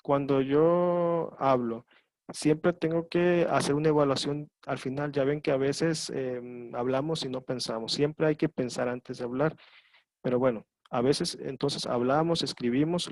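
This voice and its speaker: A male teacher gives an online lesson, patient and explanatory, going back over key points more than once. His mid-pitched voice has a gravelly edge. The sound is dry and close, with no room echo. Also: darkish tone. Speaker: high school teacher. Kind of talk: online class lecture.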